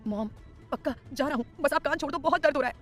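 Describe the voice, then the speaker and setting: Woman doing a lazy young guy, whiny, excitable, high-pitched, quick, faint music. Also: lightly acted. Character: lazy, dramatic young man.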